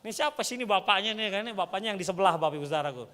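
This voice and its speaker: Man, Kupang accent, pastor, lively sermon stories, acts out shouting, bright tone. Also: high voice, racing. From Indonesia. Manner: addresses congregation often. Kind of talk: sermon with storytelling.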